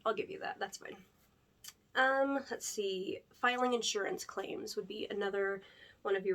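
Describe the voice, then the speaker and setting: A woman's voice: mid-range voice, close to an everyday voice. A young woman playing a chatty pizzeria staffer who interviews a new hire in an ASMR role-play. She rambles in an upbeat way, with lots of fillers and nervous jokes. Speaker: ASMR creator.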